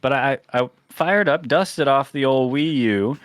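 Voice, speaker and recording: A man hosting a podcast in casual chat, rambling with lots of fillers and getting animated when he tells a story. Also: mid-range voice, measured pace, no room sound, clean studio sound. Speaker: podcast host.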